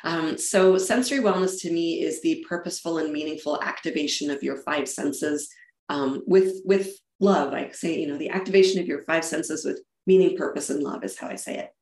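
This woman, a German founder, explains her event business in interview answers with a low, somewhat dark voice at a normal pace. She's enthusiastic and keeps restarting her phrasing, and the room echoes.

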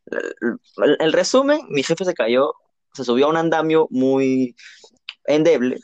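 A man's voice: fairly high pitch, expressive, a little slow, darkish tone, no echo. A young man in casual chat, talking reflectively and telling a rambling personal story with many restarts. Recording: dull, muffled sound.

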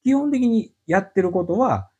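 A middle-aged man with a Kansai accent, chatting as a podcast guest and explaining his work in an animated, storytelling way. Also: high voice, moderate pace, slightly rough, dull audio. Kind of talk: casual podcast chat.

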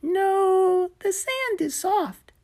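A woman's voice: very high voice, lively intonation, extremely slow, a little mellow, voice pushed up, full character voice. A woman voicing an eager, cheerful little male gecko who coaches his friend in a storybook reading, chirpy and encouraging.

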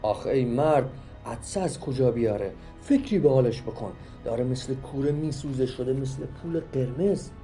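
A man doing a shrill scolding old granny. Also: very animated, faint music behind, close to an everyday voice. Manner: high, loud and scolding. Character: scolding old grandmother, sharp-tongued and anxious.

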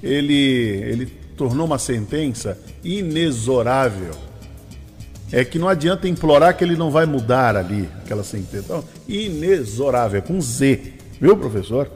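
A man's voice: medium pitch, lively intonation, moderate pace, darkish tone, big-room sound, faint music behind. A man hosting a morning radio show from São Paulo, chatting casually and laughing often, with a Brazilian Portuguese accent. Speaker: radio host.

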